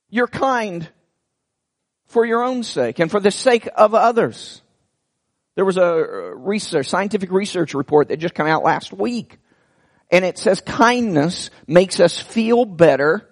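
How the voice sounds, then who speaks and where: A man preaching a sermon as a pastor, speaking slowly and deliberately with earnest pauses and soft drops in prayer. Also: high-pitched.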